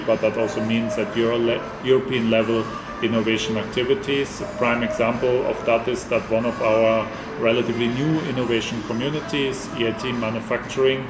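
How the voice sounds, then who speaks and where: Flat, measured man in an echoey room. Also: mid-range voice. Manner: measured, flat delivery with frequent ums and restarts. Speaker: institute director, interview guest. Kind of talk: formal interview answers.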